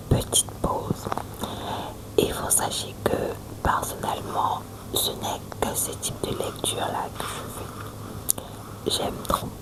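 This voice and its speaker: A woman doing whispered ASMR storytelling, reading aloud in a soft, breathy and gentle whisper with chatty asides. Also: rough recording. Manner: slow, gentle delivery.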